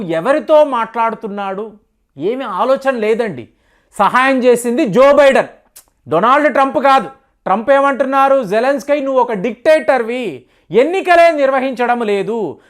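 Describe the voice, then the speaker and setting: A woman giving casual, animated news commentary who acts out what leaders said. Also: high-pitched.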